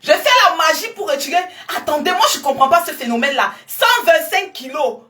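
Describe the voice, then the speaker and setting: A young woman, a weight-loss coach chatting live to her followers in a lively, repetitive, coaxing way. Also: high-pitched, brisk. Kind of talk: casual live-stream talk to followers.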